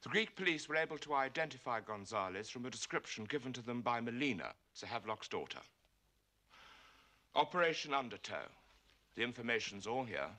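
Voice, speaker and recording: Senior British intelligence chief, grave commanding briefing, crisp forceful tone, film drama. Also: male voice, medium pitch, big pitch swings, brisk.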